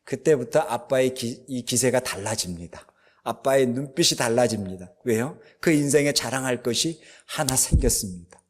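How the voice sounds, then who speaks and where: A man's voice: mid-range voice, expressive, moderate pace. A male pastor preaching a sermon, retelling a film's story in a conversational way with frequent fillers.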